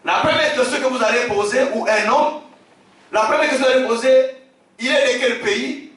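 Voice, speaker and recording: A man from Africa, a bishop preaching a sermon, emphatic, repeating his phrases and shouting key lines. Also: extremely high pitch, brisk. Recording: very echoey hall, distant from the mic.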